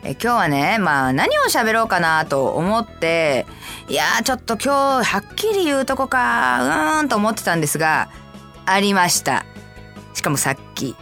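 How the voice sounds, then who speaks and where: A woman radio host from Kansai, speaking standard Japanese with a light Kansai accent, chatting casually and answering listener letters in a lively, playful way. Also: moderate pace, soft background music. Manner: chatty, animated, jumps to high playful asides. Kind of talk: casual solo radio talk.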